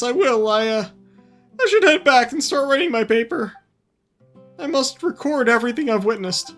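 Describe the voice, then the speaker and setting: A jittery young male scholar, voiced by a woman, stammers in a high, lively voice. He sounds flustered and restless in this game reading.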